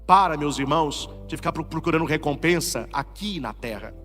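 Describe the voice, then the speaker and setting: Lively high-voiced Brazilian priest preaching. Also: male voice, brisk, in a large hall, soft background music. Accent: Brazilian Portuguese. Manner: animated preaching with rhetorical questions. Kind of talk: sermon.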